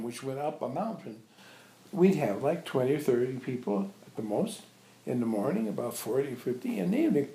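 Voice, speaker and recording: Warm in tone and a little high, an older monk and abbot's voice fills an echoey room with a few visitors. He tells a small group informal anecdotes about his teacher, animatedly acting out the dialogue he quotes.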